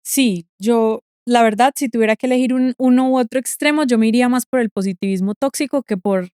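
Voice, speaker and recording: Smooth-voiced woman telling stories. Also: a little high, a little fast, no room sound, studio quality. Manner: animated storyteller, acts out quoted dialogue. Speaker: guest. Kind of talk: casual interview chat.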